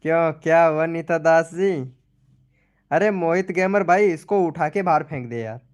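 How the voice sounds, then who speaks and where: A young man hosts a casual live stream, reading out viewer comments and teasing people by name. His voice sits a little high and comes through smooth and clear. He talks in a loose, repetitive way, going back over the same phrases. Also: normal speed. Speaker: live stream host promoting channels.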